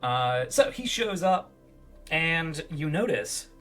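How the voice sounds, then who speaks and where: A man narrating a tabletop game as game master, improvising scenes in a halting, self-correcting way. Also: on the high side, big pitch swings, a bit bright, soft background music.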